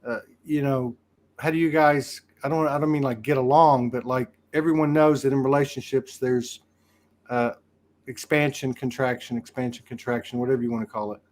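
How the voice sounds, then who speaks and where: A man's voice: medium pitch, fairly even intonation, moderate pace, darkish tone. A man hosting a casual interview, teasing and asking loose, searching questions. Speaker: host.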